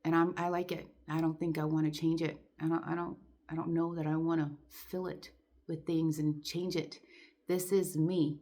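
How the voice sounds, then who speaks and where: A woman's voice: deep voice, level tone, moderate pace, warm tone. A woman in her forties talking straight to the camera in a candid, emotional and defiant vlog, full of fillers and restarts. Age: 40s. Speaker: vlogger.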